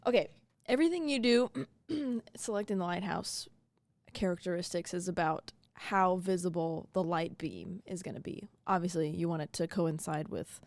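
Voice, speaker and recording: A woman's voice: lowish voice, darkish tone, no room sound. A young woman co-hosting a podcast in a studio, chatting casually and explaining things with lots of "like" fillers. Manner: chatty, with fillers like "like" and quick laughs. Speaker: podcast co-host. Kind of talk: casual chat.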